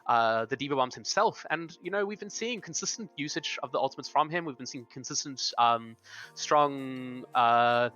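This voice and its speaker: Bright-voiced male esports analyst. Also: medium pitch, moderate pace, dull audio, faint music behind. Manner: thoughtful, rambling with many fillers. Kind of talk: esports analysis desk chat.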